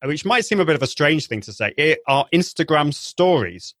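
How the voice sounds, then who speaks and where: Bright-voiced man explaining eagerly. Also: on the high side, sing-song, normal speed, no room sound. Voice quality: trained singing voice. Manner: enthusiastic, explanatory, many restarts. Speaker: guest, live video trainer. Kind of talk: interview over a call.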